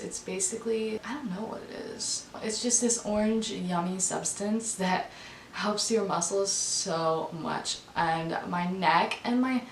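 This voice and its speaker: Young female vlogger, raspy and on the low side, casual informal delivery, faint rumble in the recording. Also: fairly bright tone, roomy sound. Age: young adult. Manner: informal, frequent "like". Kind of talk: casual chatty vlog narration.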